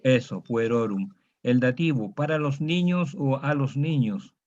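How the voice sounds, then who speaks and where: A man teaches a Latin grammar lesson in a patient, steady way, walking students through each case and checking they follow. His voice sits at a middling pitch. The recording sounds dull and lo-fi. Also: unhurried. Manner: patient, drills students on declensions, frequent "¿ah?".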